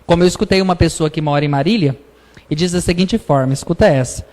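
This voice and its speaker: A man's voice: on the high side, fast, darkish tone. A man giving an informal spiritist talk, telling stories in a chatty way with frequent tag questions. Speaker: lecturer at a spiritist center. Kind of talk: public talk, informal sermon. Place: lecture hall. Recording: long reverb of a hall.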